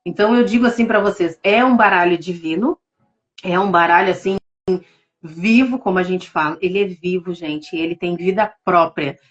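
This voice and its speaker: A Brazilian woman, a tarot reader, telling her story with deep emotion in a live interview over a video call. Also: normal speed, muffled recording. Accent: Brazilian Portuguese. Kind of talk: casual testimony in a live interview.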